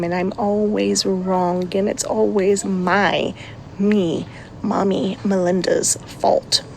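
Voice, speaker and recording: Chatty mother laughing through a slow vlog. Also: medium pitch, vocal fry, slight background noise. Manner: chatty, laughs often, sarcastic asides. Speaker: vlogger and mother. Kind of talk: casual chat.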